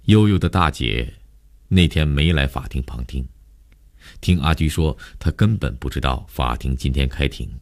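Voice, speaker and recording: A man narrating a novel in the first person, in a measured, grave manner. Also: extremely low pitch, lively intonation. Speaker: audiobook narrator.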